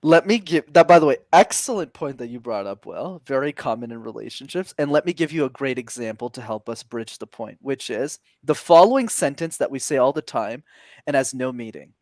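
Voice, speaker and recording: Animated young man, lively pitch. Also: a little fast, no room sound. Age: young adult. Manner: animated, demonstrative, shifts energy to make points. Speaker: podcast guest, communication coach. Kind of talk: conversational interview.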